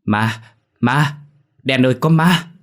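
A man voicing a jittery, easily frightened young village lad who stammers and asks quick questions. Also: fairly low pitch, lively intonation. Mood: panicked.

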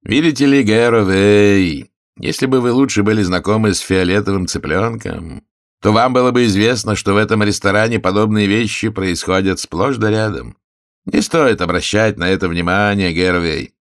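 Brief: man doing a calm commanding gentleman, low measured voice, audiobook. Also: no room sound, studio quality, natural voice. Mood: soothing. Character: calm, authoritative male gentleman, self-assured.

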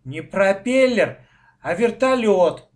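Man doing a young storybook boy who argues, high voice, drawn-out emphatic words. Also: sing-song, full character voice. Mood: arguing. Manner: argumentative. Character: arguing young boy, the narrator's brother.

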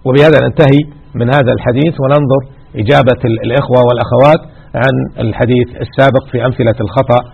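A man's voice: mid-range voice, steady tone, rapid-fire, vocal fry, breathy edge, muffled recording. A man teaching a religious lesson, exhorting his listeners and repeating key words for emphasis. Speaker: sheikh teaching hadith.

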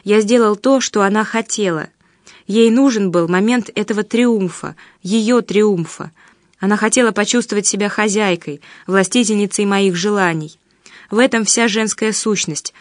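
A woman's voice: medium pitch, no room sound, studio quality, natural voice. A woman reading the part of a bitter, resentful man who rants heatedly and accusingly in an audiobook. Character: bitter, resentful man ranting about his lover.

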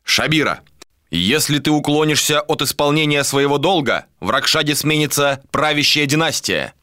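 A man doing a solemn envoy for an audiobook, pressing his point in a raised, emphatic voice. The tone is bright and clear, in a dry recording. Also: on the high side, expressive, moderate pace, dry recording, pitched above the performer's own voice. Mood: insistent.

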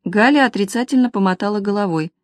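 A woman narrating an audiobook in a brisk, ironic storytelling manner. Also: medium pitch, dry recording. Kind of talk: scripted narration of a humorous detective novel.

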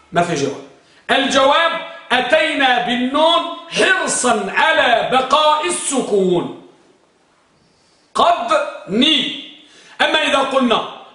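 A man's voice: high-pitched, fairly bright tone, far from the mic. A man teaching Arabic grammar to a class, often firing questions at the students and chanting rules in verse. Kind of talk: classroom lesson. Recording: very echoey room.

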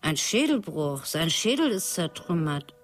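An actress in a radio play voicing a young housemaid's slow inner monologue, at times breaking into agitated outbursts. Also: female voice, low-pitched, very animated, faint music behind, heavily acted. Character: young housemaid, frightened and frayed. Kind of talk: radio drama narration.

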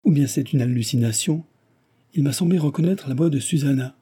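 A man reading voicing an impulsive young Frenchman, eager and quick to act. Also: mid-range voice, dark tone, slightly rough, pitched above the performer's own voice, close to an everyday voice. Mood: alarmed.

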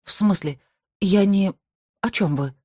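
A woman's voice: medium pitch, measured pace, dark tone, no echo, studio quality, pitched above the performer's own voice, natural voice. A reader voicing a confused young woman who is shivering and asking urgent, pleading questions in an audiobook. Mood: alarmed. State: shivering, headache.

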